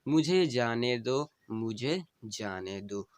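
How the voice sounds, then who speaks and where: A man's voice: medium pitch, lively intonation, slow, clear, resonant tone, no room sound. A man reading the farewell words of a dying wife to her husband, tender and repeating each plea twice. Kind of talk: emotional story reading.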